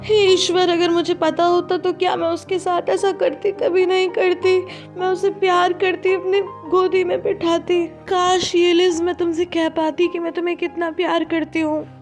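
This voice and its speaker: A woman's voice: extremely high pitch, little pitch movement, normal speed, few pauses, soft background music. A woman voicing a grieving, regretful young woman who pleads in anguish.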